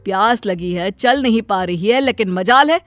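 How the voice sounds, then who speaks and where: A woman voicing a stern, fed-up middle-aged father in a cartoon story, with soft music behind. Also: mid-range voice, moderate pace, voice pushed down, lightly acted. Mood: scolding. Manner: scolding.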